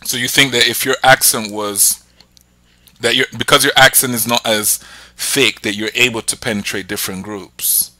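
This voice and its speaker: An English podcast host with a London accent tells stories animatedly in a casual chat, playfully switching accents as he goes. His voice is medium in pitch and moderately paced, and the recording is dry.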